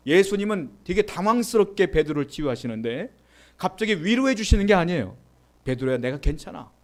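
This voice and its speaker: Pastor, male, preaching in a chatty manner with frequent questions to the congregation, somewhat high-pitched. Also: darkish tone. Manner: conversational preaching with rhetorical questions; reads scripture aloud with the congregation. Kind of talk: sermon.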